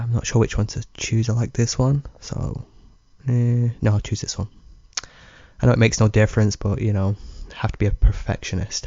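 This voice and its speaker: A man with a low, dark, mellow voice talks through his gameplay in a relaxed, rambling way, chuckling as he goes. The sound is dry and a little dull, like a lo-fi home mic. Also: vocal fry, dry recording. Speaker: let's play gamer. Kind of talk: casual gameplay commentary.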